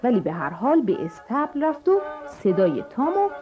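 A woman narrating a children's storybook, expressive and addressing the kids. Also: a little high. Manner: animated, expressive. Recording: dull lo-fi audio with music.

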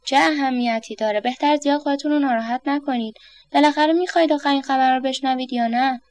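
A woman's voice: sits high, steady tone, a little mellow, no echo, natural voice. A woman voicing a poised female TV newsreader who stays cool and unemotional. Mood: nonchalant.

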